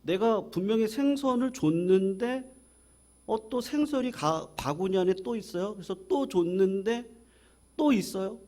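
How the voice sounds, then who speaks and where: Lively, animated male pastor preaching. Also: high-pitched, unhurried. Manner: animated storytelling, acting out quoted voices; asks the congregation questions. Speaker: senior pastor. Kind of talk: Sunday morning sermon. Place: church service.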